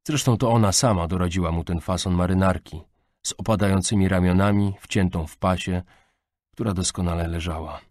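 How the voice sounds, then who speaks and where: Low-voiced male audiobook narrator. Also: fairly even intonation, a little fast, a little mellow, dry recording. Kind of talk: scripted narration.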